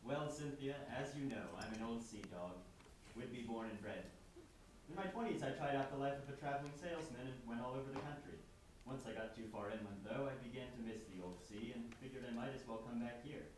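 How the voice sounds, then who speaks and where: Actor playing a lonely old sea dog, very echoey. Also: male voice, medium pitch, fairly quick, natural voice. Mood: wistful, reminiscing. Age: older. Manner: plain-spoken, reminiscing. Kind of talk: stage play monologue. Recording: echoey room, distant mic, clear noise.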